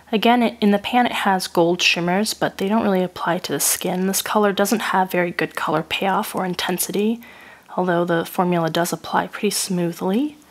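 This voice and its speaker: Still recovering from a cold, a beauty reviewer narrates a makeup review in a mid-range voice. She goes through each shade steadily and methodically, keeping her tone descriptive and even.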